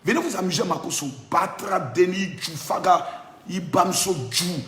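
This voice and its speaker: A high-voiced man rants boastfully, shouting and chanting his taunts in a singsong way. His voice bounces around an echoey room. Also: moderate pace. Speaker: social media influencer. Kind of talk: boastful taunting video rant.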